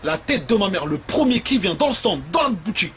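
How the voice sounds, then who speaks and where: A man's voice: sits high, big pitch swings, brisk, over a noisy crowd. A man running a shop, ranting at the camera with crude, repetitive threats. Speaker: shop owner. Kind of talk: angry rant to camera. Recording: noisy amateur recording.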